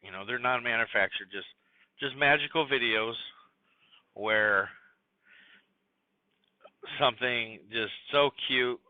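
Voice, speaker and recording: On a tinny, phone-like dry recording, a podcast host talks slowly in a mid-range voice with frequent pauses. His casual solo show wanders, scattered with plenty of fillers and restarts.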